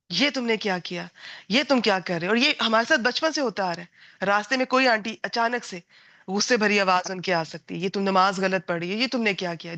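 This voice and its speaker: A woman's voice: on the high side, sharp tone. A woman giving an Islamic lecture to women, earnest and advising, now and then acting out scolding voices. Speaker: religious lecturer.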